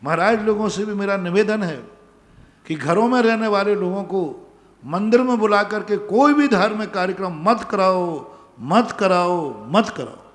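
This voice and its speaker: A man's voice: high-pitched, lively intonation, measured pace, long reverb tail. A male Jain monk giving a sermon, emphatic, repeating his commands to the devotees. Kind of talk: sermon answering devotees' questions. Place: large pandal, nearly empty.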